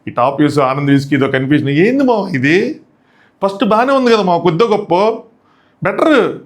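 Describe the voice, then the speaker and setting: A man hosting a casual comic review, mocking and excitable with slangy asides. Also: high-pitched, a little fast. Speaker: show reviewer and host.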